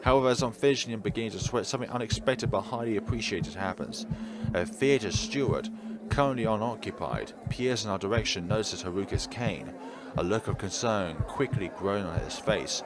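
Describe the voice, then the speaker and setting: Reading a visual novel as a let's player, a man speaks fairly quickly in a lowish, expressive voice, with crowd noise and game music in the background. Narration mixes with casual remarks, and he sometimes trips over words before correcting himself.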